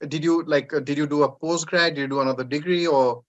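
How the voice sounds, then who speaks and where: A man hosting a podcast, asking questions in a relaxed, conversational way with frequent fillers. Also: a little high, fast, lo-fi sound. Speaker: podcast host. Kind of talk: interview conversation.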